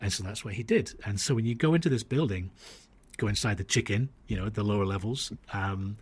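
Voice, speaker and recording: On a podcast, an Australian-born man raised across the US and Dubai reflects on anecdotes in a hesitant, conversational way. His voice sits on the low side with a darkish tone.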